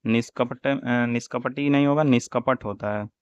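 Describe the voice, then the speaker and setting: A male teacher drills spelling corrections at a slow, steady pace, setting each wrong form against the right one. His voice is smooth and clear. The recording is dry and a little dull, like lo-fi audio. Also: medium pitch, no room sound. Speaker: Hindi teacher. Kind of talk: exam-prep spelling lesson.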